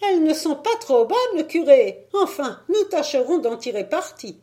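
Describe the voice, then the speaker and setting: A woman voicing a kindly old spinster seamstress who talks in a bright, teasing way. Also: sits high, sing-song, moderate pace, voice pushed up. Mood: chatty. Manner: bright, chatty, affectionate.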